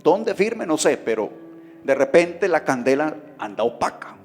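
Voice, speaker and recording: A man's voice: medium pitch, lively intonation, unhurried. A man preaching a sermon, talking conversationally and often asking the congregation questions. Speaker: pastor. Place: church hall. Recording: reverberant hall with faint music behind.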